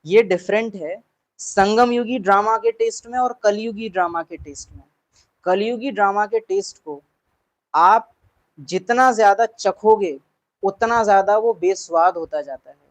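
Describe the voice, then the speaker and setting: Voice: medium pitch, unhurried, rough recording. A spiritual teacher giving a class talk in an earnest way, repeating points for emphasis and putting questions to the listeners.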